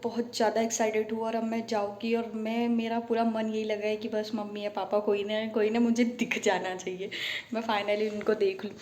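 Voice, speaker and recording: A woman's voice: on the high side, mellow. A young woman vlogging casually from her phone, chatting on and on to her viewers and calling them guys. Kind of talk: casual vlog chat to viewers.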